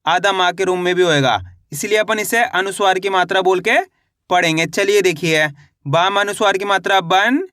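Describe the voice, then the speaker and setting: A man teaching reading in a video lesson, drilling each sound with repeated questions and slow model words. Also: high voice, bright, forceful tone, dry recording, clean studio sound. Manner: repetitive call-and-response drilling, drawn-out model words. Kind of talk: classroom-style video lesson.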